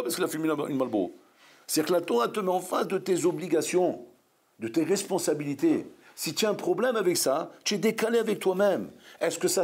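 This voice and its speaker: A man, a rabbi, preaching a sermon in a lively, scolding way full of rhetorical questions. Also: sits high, slightly rough.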